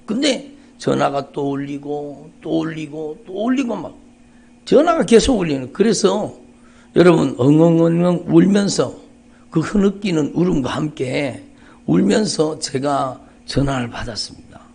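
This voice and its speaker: Gravelly-voiced Korean pastor preaching testimony. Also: male voice, fairly high pitch, animated, unhurried, warm tone. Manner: emotional, repetitive, rising and falling intensity. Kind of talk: dawn service sermon, personal testimony. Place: church sanctuary.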